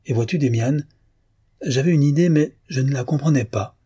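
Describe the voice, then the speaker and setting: A man voicing an excited young man who has made a gift for his brother, in a storybook reading. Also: mid-range voice, normal speed, husky, voice pushed up, natural voice. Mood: earnest. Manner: eager, bursting with joy. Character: young man, fervent proud inventor brother.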